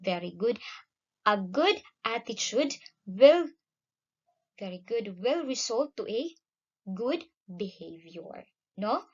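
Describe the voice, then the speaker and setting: Filipino woman teacher, raised pitch, animated classroom delivery, muffled lo-fi recording. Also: takes it slowly, pauses often. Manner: code-switching, frequent "no?" tag questions, lively emphasis. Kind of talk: classroom lesson.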